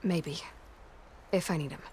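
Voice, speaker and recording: Aloy, a determined low-voiced young huntress. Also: female voice, measured pace, a little mellow, a little hiss or hum. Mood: guarded. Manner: blunt, earnest, terse. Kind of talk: naturalistic video game dialogue acting. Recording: game audio with music behind.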